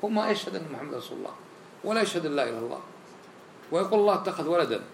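Animated preacher, fast and roomy. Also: male voice, on the high side, creaky, a little hiss or hum. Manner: animated, acts out quoted voices. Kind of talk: sermon. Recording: roomy echo, faint ambience.

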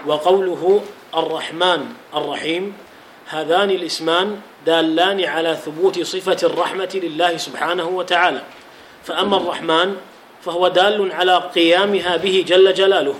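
High-voiced male student reading aloud. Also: fairly bright tone, a little hiss or hum, poor audio. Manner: slow, measured recitation. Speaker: student reader. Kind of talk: reading a religious text aloud.

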